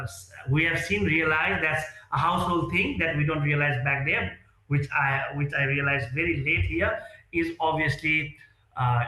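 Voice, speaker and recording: A man's voice: a little high, pushed and bright, reverberant, low-quality recording. A man, answering interview questions earnestly and hesitantly, with many fillers and restarts. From Nepal. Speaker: real estate sales executive, guest.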